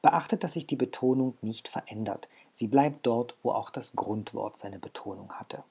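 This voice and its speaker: Guy teaching a language class, soft mellow voice, bit husky, patient and clear. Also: medium pitch, moderate pace. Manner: patient, instructive, repeats example words. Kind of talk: explaining a language lesson.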